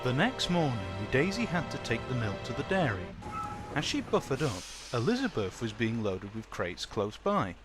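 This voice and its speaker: A man narrating a children's storybook in a plain, steady way. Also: mid-range voice, moderate pace, music in the background.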